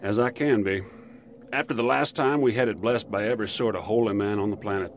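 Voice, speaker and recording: A man playing a world-weary, middle-aged motel keeper who fights demons, gruff, folksy and terse, in a horror-comedy audio drama. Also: lowish voice, a little fast, lightly acted. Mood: weary, grim. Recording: clear background ambience noise.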